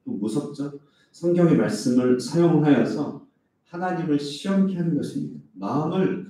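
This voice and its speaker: A male pastor with a mellow, medium-pitched voice preaches an early-morning sermon, posing rhetorical questions to the congregation and acting out quoted complaints in a raised voice. He is recorded from far away in an echoey hall.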